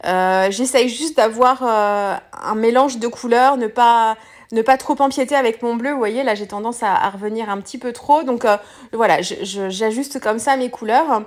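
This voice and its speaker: A woman's voice: a little high, normal speed. A woman giving a casual step-by-step craft demonstration, talking hesitantly with frequent fillers and self-corrections. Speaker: craft tutorial presenter.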